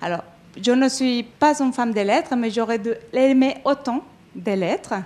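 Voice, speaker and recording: An event organizer from Mexico gives an introduction speech, sounding hesitant with many fillers and restarts. Her voice is fairly high and a little mellow, and she speaks unhurriedly.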